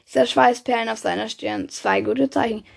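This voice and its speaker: A woman's voice: on the high side, normal speed, vocal fry. A woman reading a children's book aloud, giving the characters' quoted lines their own voices. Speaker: reader.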